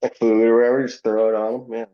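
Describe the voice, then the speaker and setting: A man's voice: medium pitch, level tone, fast talker. A man guesting on a podcast over a video call, telling a loose, rambling story with laughs and restarts. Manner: rambling, laughing, self-correcting. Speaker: podcast guest, band member. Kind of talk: casual storytelling. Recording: muffled video-call audio.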